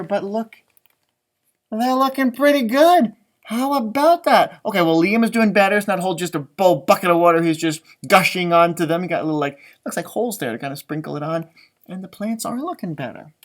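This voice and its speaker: A man with a high-pitched voice reads a storybook briskly and expressively to a group of children, teacher-style. He keeps interrupting with informal remarks that make the words and pictures easy for kids to understand.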